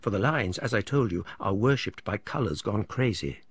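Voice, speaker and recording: A man's voice: on the low side, lively intonation, moderate pace, breathy edge, dry recording. A man voicing a theatrical male artist who laments in fervent, declamatory speech.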